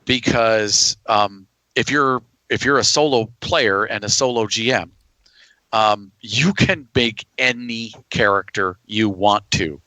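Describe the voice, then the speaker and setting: A man talks casually as a podcast host. His voice sits a bit low but has a bright, forceful edge. The recording is dry and close. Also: slow, no echo, poor audio. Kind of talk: casual chat.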